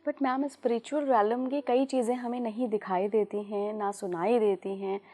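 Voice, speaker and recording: A woman's voice: a little high, steady tone, normal speed, mellow, faint music behind. A woman hosting a podcast, asking curious, respectful questions. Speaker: podcast host. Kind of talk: podcast interview.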